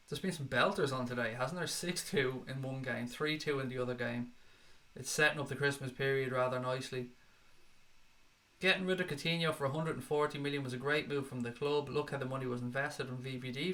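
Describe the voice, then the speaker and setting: A man's voice: medium pitch, sharp tone. An Irish man hosting a casual livestream, reading viewer comments aloud and answering them bluntly, swearing freely. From Ireland. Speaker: livestream host reading chat. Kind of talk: casual chat.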